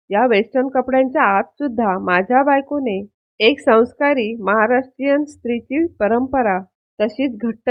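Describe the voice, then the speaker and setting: A woman's voice: fairly high pitch, lightly acted. A woman reading the lines of a proud young man who firmly defends his wife before a crowd. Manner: firm, indignant speech. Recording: tinny phone-like audio.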